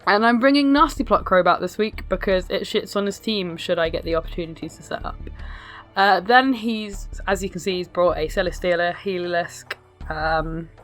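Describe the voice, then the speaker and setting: Casual game commentator: woman, lowish pitch, raspy and hoarse from illness, dry self-deprecating swearing, faint music underneath. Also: normal speed, a bit bright. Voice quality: raspy smoker's rasp. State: ill, hoarse. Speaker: video host narrating own battle. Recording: music behind the voice.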